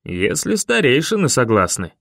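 A man voicing a calm, stern older leader who speaks in a measured, grave way. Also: mid-range voice, vocal fry, dry recording, clean studio sound, heavily acted.

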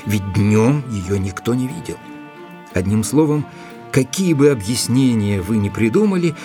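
An actor playing Doctor Watson, a sensible, determined gentleman who tells of his investigation in a measured, deliberate audio drama style. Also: medium pitch. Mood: pondering. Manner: measured, deliberate storytelling with rhetorical questions. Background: music behind the voice.

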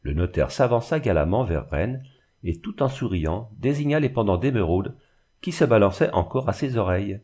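Low-voiced guy reading an old novel, steady storyteller pace. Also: normal speed, breathy edge. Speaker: audiobook narrator. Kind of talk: scripted narration.

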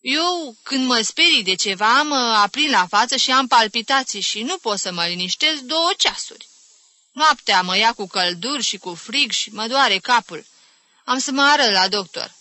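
A woman's voice: a little high, expressive, bright, forceful tone, no room sound, voice pushed up. Woman playing a nervous, fretting old aunt. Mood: anxious. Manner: anxious, listing ailments. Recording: dry close studio reading.

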